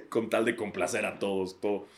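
Crude, laughing Mexican podcast host. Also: male voice, on the low side, a little slow, slight background noise. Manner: crude, laughs often, rambling. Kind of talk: casual comedic podcast monologue.

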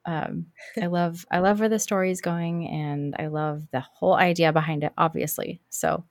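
Lower-voiced woman hosting a podcast. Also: steady tone, normal speed, vocal fry, dry recording, clean studio sound. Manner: warm, gushing, with restarts. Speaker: podcast host. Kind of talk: casual interview chat.

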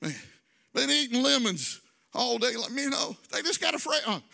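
A man's voice: very high voice, very animated, normal speed, creaky, sharp tone. A male pastor preaching a conversational sermon, drawing phrases out in a sing-song and adding folksy asides.

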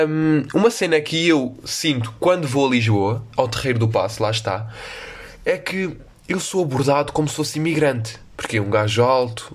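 Young man, European Portuguese accent, slightly high voice; rambling self-mocking comic storyteller. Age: young adult. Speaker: podcast host.

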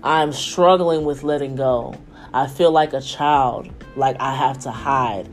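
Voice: mid-range voice, takes it slowly, faint music behind. A podcast host reading their own essay aloud as a candid, emphatic personal monologue, breaking off for off-the-cuff asides.

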